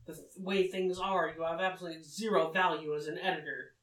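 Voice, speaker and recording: A man casually summarizing a manga story, talking haltingly with many fillers. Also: fairly high pitch, steady tone, fairly bright tone. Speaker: manga recap commentator. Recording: roomy, distant mic.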